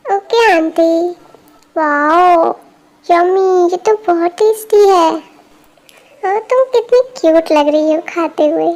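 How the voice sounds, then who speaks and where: A woman voicing a stubborn, sulky little girl in an amateur fan dub, with a slow, pouty, childish way of talking. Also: very high-pitched, a little mellow, heavily acted.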